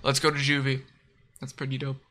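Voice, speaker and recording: A woman's voice: a bass voice, monotone, fairly quick, very noisy. A woman hosting a casual chat, reading chat questions and reacting with jokes and swearing. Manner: joking, reacts with swearing and quips.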